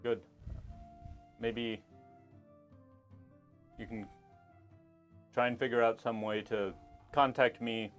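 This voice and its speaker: A man running a tabletop game as game master, speaking in a calm, measured way. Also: mid-range voice, soft background music.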